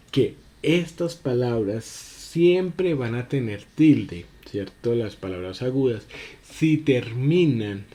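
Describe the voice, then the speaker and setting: A man teaching a spelling lesson, halting, with many fillers and restarts. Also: mid-range voice, mellow.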